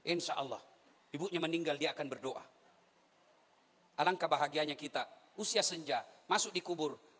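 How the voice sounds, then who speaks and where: A middle-aged man delivers a sermon in a fairly high voice with a sharp, forceful edge. He swings from soft pleading to loud exclamations. The sound carries a long hall reverb. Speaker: preacher. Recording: echoey hall.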